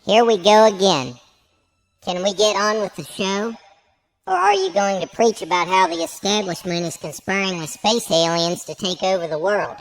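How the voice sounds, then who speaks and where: A woman's voice: medium pitch, animated, moderate pace, close to an everyday voice, poor audio. A woman voicing a male alien head on life support, an [name] fan and co-host, talking in formal, stilted phrases. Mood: prim, formal. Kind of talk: comedic sketch acting.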